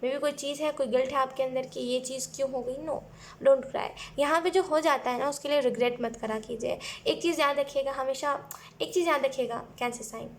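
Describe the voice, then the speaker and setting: A young woman talks through a tarot reading in a loose, chatty way, slipping English phrases in. Her voice sits high. Faint noise hums under the recording. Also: steady tone, a little fast. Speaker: tarot reader. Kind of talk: casual tarot reading to camera.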